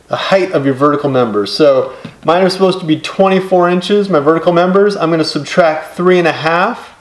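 A middle-aged man giving relaxed, step-by-step how-to instructions while building in his home workshop. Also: fairly high pitch, fairly quick. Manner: relaxed, step-by-step explaining with casual fillers. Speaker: DIY builder. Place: home woodworking garage workshop. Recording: echoey workshop with clear background noise.

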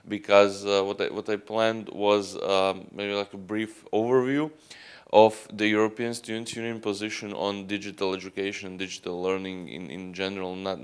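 Conference speaker, thirties man from Croatia: clear, resonant low voice, handheld mic, halting delivery full of fillers. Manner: hesitant, many fillers and restarts. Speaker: student union representative. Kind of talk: conference talk. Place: hotel conference room. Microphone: handheld microphone.

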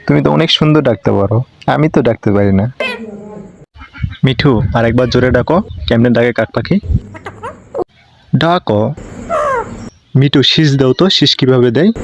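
A man patiently coaxing his pet parrot to mimic a crow, in a gentle, coaxing way. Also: medium pitch, a little hiss or hum. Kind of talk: coaxing talk to a pet bird.

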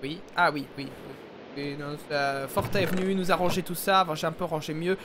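A man giving live, chatty commentary while playing a game, talking into a headset and often addressing his viewers as ladies and gentlemen. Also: on the high side, fairly even intonation, brisk, background noise. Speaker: let's play streamer.

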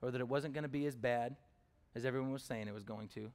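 A man's voice: medium pitch, steady tone, quick pace, a little mellow. A man preaching a sermon, telling personal stories in a conversational way, with fillers and questions put to the congregation. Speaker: pastor.

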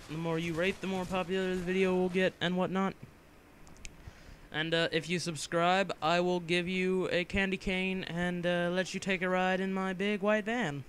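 A young man giving a casual, rambling voice-over commentary on his own gameplay, joking and filling pauses with "uh" and "yeah" while fighting a cough. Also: sits high, little pitch movement, fairly bright tone, a little hiss or hum. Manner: rambling, joking, filler-heavy. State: coughing from a cold.

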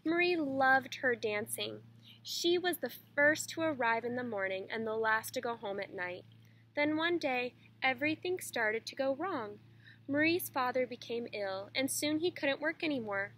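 A woman teacher reading a children's picture book aloud in a clear, expressive way. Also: sits high, moderate pace, slight background noise.

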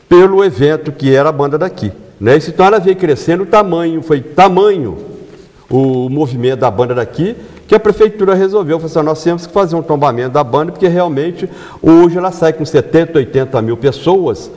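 Sixties male, lively interview guest, self-correcting, lapel mic in a reverberant studio. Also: on the high side. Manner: animated, repeats himself, self-corrects. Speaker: carnival band organizer, guest.

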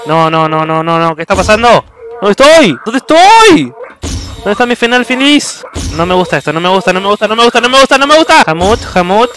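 A man's voice: sits high, big pitch swings, fairly quick, a bit bright. Panicky young Argentine man gaming. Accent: Argentine Spanish. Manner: jumpy, panicky, swears a lot. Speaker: gaming youtuber. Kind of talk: horror gameplay commentary.

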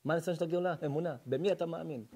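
Rabbi guy preaching, kinda high voice, goes quiet then loud, chants verses. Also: husky. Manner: impassioned, swings from hushed to loud, chants verses. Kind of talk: sermon.

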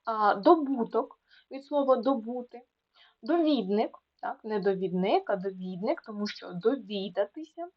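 A woman tutor explaining a lesson to students, repeating words slowly to contrast where the stress falls, with small fillers between them. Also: on the high side, lively intonation. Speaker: Ukrainian language tutor. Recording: dull lo-fi sound.

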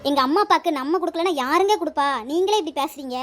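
A woman's voice: very high-pitched, very fast, over music. Woman voicing a pleading cartoon young wife. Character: young wife, anxious, devoted daughter. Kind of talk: cartoon voice acting.

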